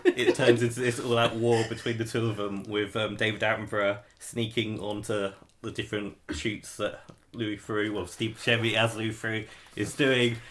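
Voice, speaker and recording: A man pitching a silly story idea in a casual group game, hesitating often with ums. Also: little pitch movement, moderate pace, a bit bright.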